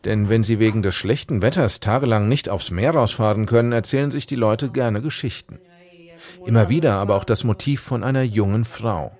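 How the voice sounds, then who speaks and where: Low-voiced man narrating a report. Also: brisk, a little mellow. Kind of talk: first-person documentary narration.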